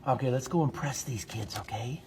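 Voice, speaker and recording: A woman's voice: very deep voice, brisk. A woman who keeps a parrot talks to it in amused, coaxing baby-talk. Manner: amused, coaxing, sing-song. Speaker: parrot keeper. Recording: loud background noise.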